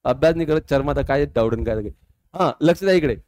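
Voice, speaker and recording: A male physics teacher, lecturing a class, quizzing students and slowly dictating formulas. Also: on the high side, a little mellow.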